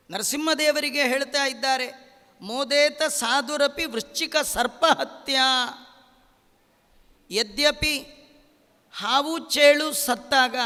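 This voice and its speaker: A man with a very high, bright voice gives a devotional discourse. He speaks slowly and emphatically, pausing on rhetorical questions. A long hall reverb trails each phrase. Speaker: religious teacher.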